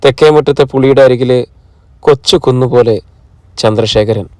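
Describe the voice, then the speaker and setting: A man calmly narrating a novel as an audiobook, in a measured reading manner. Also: medium pitch, no room sound.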